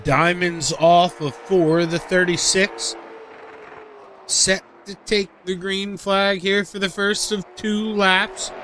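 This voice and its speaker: Excitable bright-voiced racing commentator man. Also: sits high, a little hiss or hum. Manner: excitable, rises to shouts on quick laps. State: hiccups. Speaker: race commentator. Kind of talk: sim racing play-by-play commentary.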